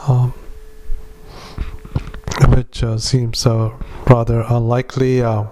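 A man, a doctor, dictating a medical report into a dictaphone recording, halting with many fillers and spelling out names. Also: medium pitch, monotone, mellow.

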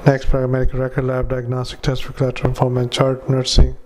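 Male clinician dictating to a recorder; very flat, halting, mid-pitched. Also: a little hiss or hum. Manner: halting, with many filler sounds and restarts. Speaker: clinician dictating a patient report. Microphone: handheld dictaphone.

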